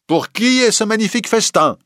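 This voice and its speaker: A man voicing a cruel, haughty bishop who barks orders in a high, strained voice. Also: lively intonation, moderate pace, no room sound, clean studio sound. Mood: harsh, commanding. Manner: commanding, shouting orders. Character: cruel, haughty male bishop, middle-aged.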